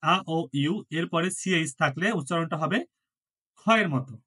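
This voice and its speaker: A man teaches a language lesson, with Bengali as his first language. His voice sits a little high and sounds bright and clear. He repeats each word slowly and patiently, mixing English into his explanations. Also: fairly even intonation. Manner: patient, repeats words slowly, drills pronunciation; mixes English words into his talk. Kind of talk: classroom lesson.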